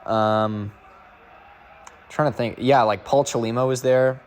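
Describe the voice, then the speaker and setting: A man's voice: medium pitch, steady tone, takes it slowly. A young man chatting casually as a running vlogger, rambling with lots of filler words and slang. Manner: rambling, full of "like" and "bro".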